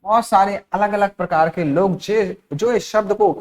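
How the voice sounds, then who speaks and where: A male teacher from India leads a spoken-English class. He drills each word slowly and repeats it, poses questions and answers them himself, and adds short check-ins throughout to keep students with him. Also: high-pitched, darkish tone. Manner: repeats words slowly, asks and answers his own questions; frequent checking-in tag phrases.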